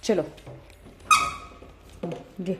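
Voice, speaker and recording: A young woman with a Marathi accent chatting in a family vlog, talking softly to the camera and calling out loudly to her small children. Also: very slow, very noisy. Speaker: vlogger and mother. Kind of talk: casual family vlog chat. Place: home and school grounds.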